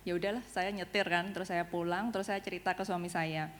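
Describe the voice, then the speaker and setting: A woman, a parent, telling a personal story in a chatty, animated way with many fillers. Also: lowish voice, fast talker, a little hiss or hum. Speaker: parent asking a question. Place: school meeting hall. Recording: reverberant hall.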